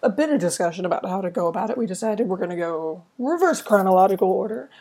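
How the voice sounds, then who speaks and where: A woman co-hosting a casual podcast with a hoarse, raspy voice worn out by a cold. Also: mid-range voice, expressive, fast, dark tone. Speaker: podcast co-host.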